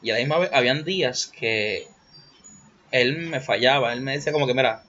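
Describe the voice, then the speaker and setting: A young Puerto Rican man talks on his own in a loose, rambling way, crude jokes and stray English words mixed into his speech. His voice sits at an ordinary middle pitch, and the recording is a little dull and muffled with a faint hiss underneath. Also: fairly quick, pushed and bright. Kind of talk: casual solo monologue.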